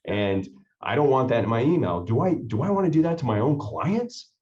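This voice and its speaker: A man's voice: medium pitch, expressive, brisk, darkish tone. A man hosting a podcast, talking in an enthusiastic and rambling way. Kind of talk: casual podcast chat. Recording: dull lo-fi sound.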